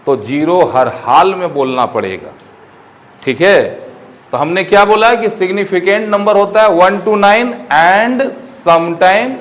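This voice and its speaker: Guy teaching a class, bit of a high voice, slow and drawn out, keeps quizzing the students. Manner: asks the class questions, dictates slowly. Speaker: commerce teacher. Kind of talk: classroom lecture.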